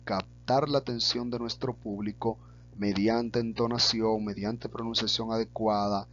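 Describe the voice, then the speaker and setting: A man teaching a public speaking lesson, speaking slowly and stretching out example words. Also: mid-range voice, muffled recording. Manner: slow and deliberate, stretches out sample words. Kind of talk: slow deliberate lesson on vocal technique.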